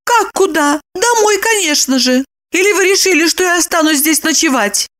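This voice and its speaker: Woman voicing an excitable young woman, high and bright, indignant outbursts, audiobook dialogue. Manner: quick to flare up, exclamatory. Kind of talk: audiobook character voice.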